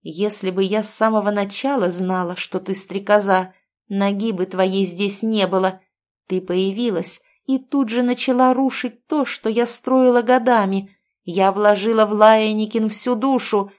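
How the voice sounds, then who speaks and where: A woman's voice: fairly high pitch, very animated, a little slow, hardly any pauses, pitched above the performer's own voice. A woman reading an audiobook voices a grim, vengeful middle-aged woman who leads a cult, speaking with menace and hissed anger. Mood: hissing. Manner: menacing, hissing through clenched anger. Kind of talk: audiobook character voice.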